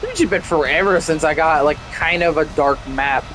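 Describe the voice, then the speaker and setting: A man's voice: fairly high pitch, moderate pace, a bit bright, soft background music. A young man casually commenting while playing a flight game, rambling and chatty with frequent restarts. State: hiccups. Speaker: gameplay streamer.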